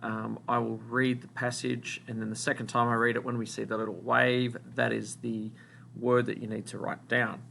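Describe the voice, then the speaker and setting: An Australian man, a school teacher, reading a spelling test passage aloud to children in deliberate phrases with pauses. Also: medium pitch, little pitch movement, creaky, pushed and bright, a little hiss or hum.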